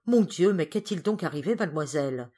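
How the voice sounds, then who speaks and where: A woman's voice: deep voice, animated, fairly quick, dark tone, slightly rough. A woman voicing a devoted, easily frightened nurse in a storybook reading, speaking in an alarmed, exclamatory way.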